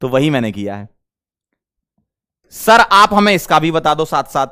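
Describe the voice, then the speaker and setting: High-voiced male teacher quizzing a class. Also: sing-song, pushed and bright, clean tone. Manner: quizzing students with quick questions. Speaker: chemistry teacher. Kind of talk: classroom lecture.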